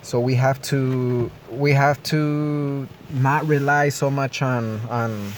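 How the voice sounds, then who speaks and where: A man's voice: mid-range voice, steady tone, takes it slowly, a little hiss or hum. A man ranting in a vlog, agitated, swearing and rambling. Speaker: vlogger. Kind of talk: profane personal rant.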